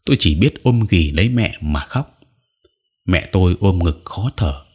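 Low husky male story narrator. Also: lively intonation, a little slow. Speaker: audiobook narrator.

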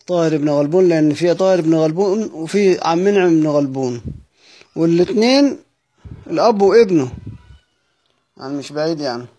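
A man with an Egyptian Arabic accent explains a classical text, voice pitched a bit high for a man. He stretches words out slowly when he repeats them and keeps posing his own questions before answering them. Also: darkish tone. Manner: clears his throat often. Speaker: Quran recitation teacher.

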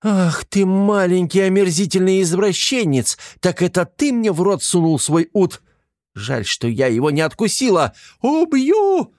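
A man doing a shrill hysterical young woman. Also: sing-song, a little slow, a little mellow, dry recording, studio quality. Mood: furious. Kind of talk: audiobook character voice.

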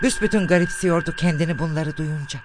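A man narrating a literary story as an audiobook, in an expressive, dramatic storytelling manner. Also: on the high side, fairly quick, background noise.

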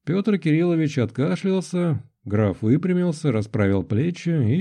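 Very dark-voiced male audiobook narrator. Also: mid-range voice, creaky. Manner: calm, measured storytelling. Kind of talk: scripted first-person narration.

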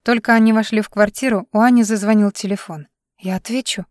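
A woman's voice: mid-range voice, fairly even intonation, fast talker, darkish tone, no echo. Woman narrating an audiobook, dry and close. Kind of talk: scripted narration.

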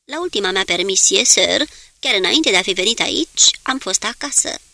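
A timid young ship's machinist stumbles through his answers in halting, broken-off sentences, read by a woman. The voice has a gravelly edge and a bright, tense color. He sounds like an uneasy sailor in an audiobook. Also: high-pitched, animated, no room sound, full character voice. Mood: halting, anxious.

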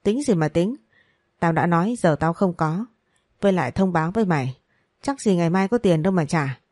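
This is a stingy, harsh older man who runs a sewing workshop and barks short refusals, as a woman reading the story puts him on. The voice is low and mellow-toned, recorded dry and close. He talks in clipped, dismissive lines. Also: expressive, fairly quick, dry recording. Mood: harsh scolding. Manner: curt, scolding. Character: gruff older male factory boss, stingy and harsh.

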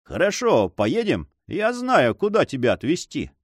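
A man's voice: a little high, huge pitch swings, unhurried, no echo, studio quality, full character voice. Man doing Don Sancho, a teasing young nobleman. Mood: earnest. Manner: ironic, light, bantering.

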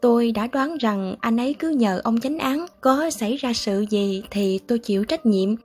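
A woman voicing a calm, measured old gentleman. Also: fairly high pitch, husky, soft background music. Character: calm elderly gentleman scholar, patient and wry.

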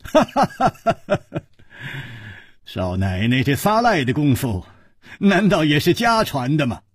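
A male storyteller voicing a calm, unflappable young hero who speaks in a relaxed, dryly amused way. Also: fairly high pitch, moderate pace, breathy edge, dry recording, studio quality, heavily acted. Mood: coolly amused.

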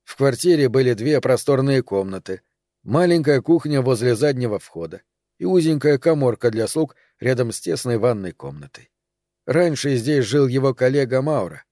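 A man reads a novel aloud in a steady, measured way, his pitch sitting in an ordinary middle register. The recording is dry and close, with no room echo. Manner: even, measured storytelling. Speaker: audiobook reader. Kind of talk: scripted narration.

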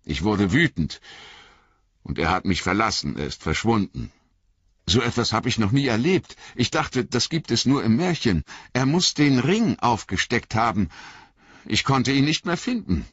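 A man voicing a proud, troubled human warrior who speaks in a hesitant, halting way. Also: mid-range voice, big pitch swings, a bit bright, slightly rough, no room sound, voice pushed up. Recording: dry, slightly dull audio.

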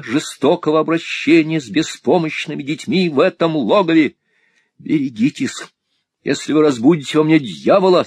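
Man as indignant young hero, husky, low, very expressive. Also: dry recording. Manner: firm, defiant, rising to angry shouts. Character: young indignant male teacher, righteous.

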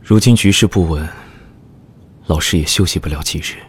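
A male actor playing a composed, courteous scholar in a Chinese historical audio drama, speaking in a measured, polite way. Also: sits low, slight background noise, close to an everyday voice. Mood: composed, gentle.

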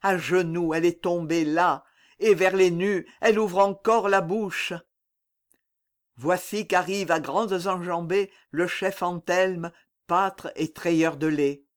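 A woman reading a narrative poem aloud as an audiobook in a deliberate literary manner. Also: fairly low pitch, fairly even intonation. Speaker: audiobook reader.

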